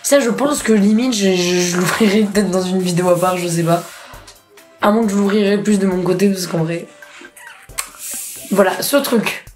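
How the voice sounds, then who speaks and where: A woman's voice: mid-range voice, moderate pace, pauses often, a little mellow. A woman in a casual unboxing vlog, chatty and laughing often, swearing freely, with faint music behind her. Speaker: youtuber.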